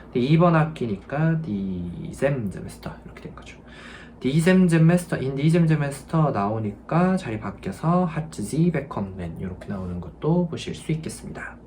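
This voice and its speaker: A man's voice: medium pitch, big pitch swings, darkish tone, slight background noise. Patient male language teacher. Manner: explains patiently, drills verb forms by repeating them slowly. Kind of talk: online grammar lesson.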